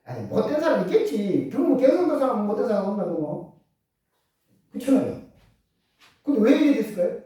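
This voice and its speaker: Animated man preaching in an echoey hall. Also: extremely high pitch, fast talker, long pauses. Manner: animated, rhetorical questions to the congregation. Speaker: pastor. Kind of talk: sermon. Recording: echoey church hall from far off.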